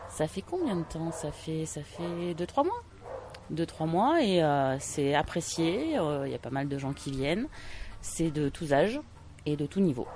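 A woman's voice: deep voice, very animated, measured pace, a little mellow, slight background noise. A woman who runs an English conversation workshop, answering interview questions hesitantly with many fillers.

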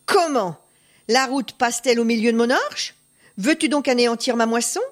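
A woman voicing a greedy, bullying male farmer who shouts and threatens. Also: medium pitch, a little fast, close to an everyday voice. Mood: angry. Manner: shouting, scolding.

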